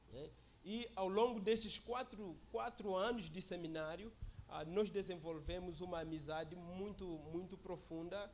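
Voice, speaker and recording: With a fairly high-pitched voice and slight background noise, a man gives an informal sermon as a guest preacher at church. He's chatty and joking, frequently asking "né?" and prompting amens.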